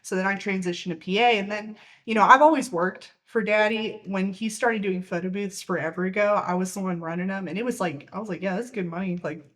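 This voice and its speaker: A woman's voice: medium pitch, fairly quick, few pauses, fairly bright tone. A young woman co-hosting a casual podcast, a little out of breath, chatting with frequent restarts and laughs. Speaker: podcast co-host.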